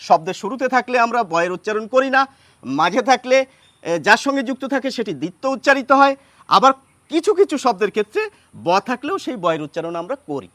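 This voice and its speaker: Man teacher, high lively voice, patient, pausing with fillers, dry close sound. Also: no echo. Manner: patient, with many pauses and fillers. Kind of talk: explaining Bengali pronunciation at a board.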